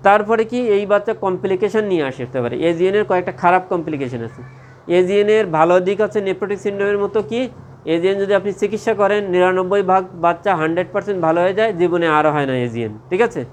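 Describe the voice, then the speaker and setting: A man's voice: high-pitched, quick pace, slight background noise. A man giving a medical lecture to a class. He asks questions and answers them himself, and keeps checking that the class follows.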